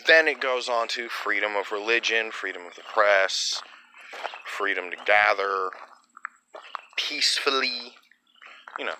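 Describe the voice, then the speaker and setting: A man's voice: lowish voice, measured pace, long pauses, pushed and bright, a little hiss or hum, rough recording. A man delivering a blunt, profane opinion monologue in a ranting way.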